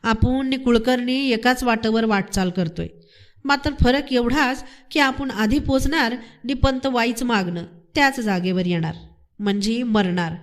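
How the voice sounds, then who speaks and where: A woman's voice: a little high, a little slow, close to an everyday voice. Fakira, woman voicing a defiant village leader. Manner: commanding, resolute. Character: fierce young village leader, defiant man.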